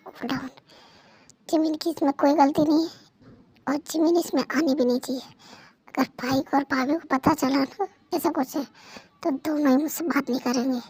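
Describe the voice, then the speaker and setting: A remorseful young husband who begs and apologizes over and over, voiced by a woman in a fan dub. The voice stays high and sounds close and dry. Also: darkish tone, dry recording. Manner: pleading and apologetic.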